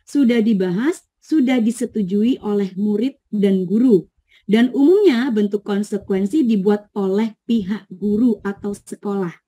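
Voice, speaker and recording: A woman's voice: medium pitch, warm tone. A woman presenting an online teacher training, explaining patiently and reading out participants' answers, in her speech.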